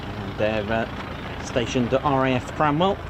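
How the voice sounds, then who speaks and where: English man, plane-spotting commentary, outdoors, loud aircraft noise. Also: mid-range voice, moderate pace. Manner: chatty, explains aviation details with fillers. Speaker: plane-spotting livestream host. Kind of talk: casual live commentary. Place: outdoors by an airfield.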